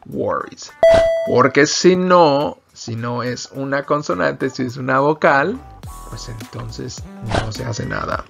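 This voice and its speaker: A man's voice: mid-range voice, animated, slow pace, vocal fry, over loud music. A man teaching an English lesson in Spanish, explaining grammar patiently and repeating example sentences in both languages.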